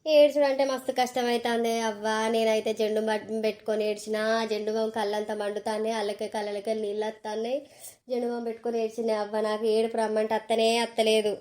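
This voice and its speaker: A woman's voice: fairly high pitch, flat delivery, fast talker, a little mellow, close to an everyday voice. A woman voicing a spoiled, cheeky young village bride in a cartoon, with a Telangana Telugu accent. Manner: cheeky, boastful.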